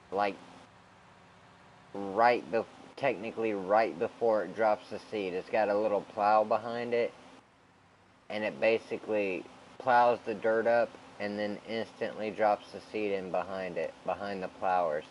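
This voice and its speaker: Chill low-voiced dude narrating a farm game, pretty monotone, bit of faint hiss, kinda muffled audio. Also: male voice, measured pace. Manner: monotone, laid-back, says "bro" often. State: hiccups. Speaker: gaming channel host. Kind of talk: casual gameplay commentary.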